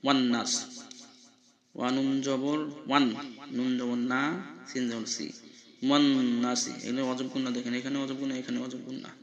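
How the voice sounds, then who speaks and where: A man's voice: mid-range voice, little pitch movement, fairly quick, pauses often, dull audio. A man teaching Quran recitation, spelling each word letter by letter with patient repetition and breaking into chanted recitation.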